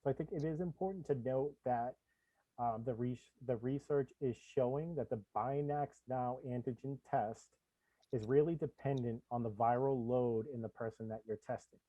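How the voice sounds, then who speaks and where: A man's voice: medium pitch, dark tone, no room sound. A man explaining at a school board meeting over a video call, his voice muffled and faint as if heard through a wall. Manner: measured, explanatory, with fillers. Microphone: video call with a poor microphone.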